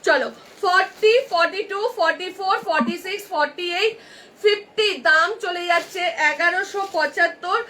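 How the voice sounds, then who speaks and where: A woman's voice: very high voice, normal speed, sharp tone, slight background noise. A woman with a Kolkata Bengali accent selling clothes on a live stream from a shop, chatty and talking straight to viewers. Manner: chatty, addresses viewers directly, counts off sizes. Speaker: online clothing seller. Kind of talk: live-stream sales pitch. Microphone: phone camera.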